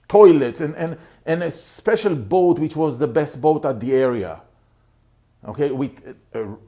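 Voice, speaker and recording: A middle-aged Israeli motivational speaker, pitched a little high with a darkish tone, relates his personal story on camera. The earnest telling stumbles along, as he keeps repeating words and beginning phrases over.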